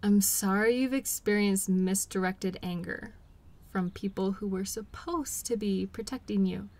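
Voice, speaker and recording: Speaking at a medium pitch, a woman voices a patient, tender girlfriend in an intimate role-play, offering her partner soft, reassuring comfort.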